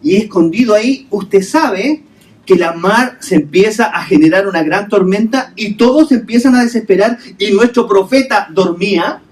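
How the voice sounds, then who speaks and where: A man's voice: high voice, animated, normal speed, recorded from a distance. A male pastor preaching a sermon in a hotel hall, asking the congregation rhetorical questions and mixing English terms into his talk.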